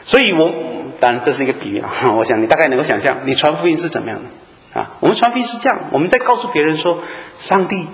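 A man's voice: a little high, fast. Male preacher in a reverberant hall. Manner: animated storytelling, acts out dialogue, frequent "啊" fillers and tag questions. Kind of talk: sermon.

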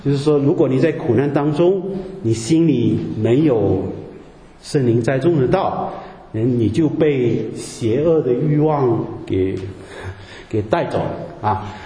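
In an echoey hall with long reverb and faint background noise, a man preaches a conversational sermon, explaining scripture and posing rhetorical questions to his listeners. His mid-range voice is dark-toned, expressive, and slow.

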